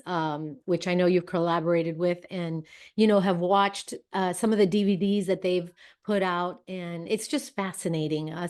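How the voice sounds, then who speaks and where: A woman hosts a talk show at a middle pitch. She introduces her guest chattily and effusively, with plenty of fillers and restarts. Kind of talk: casual interview introduction.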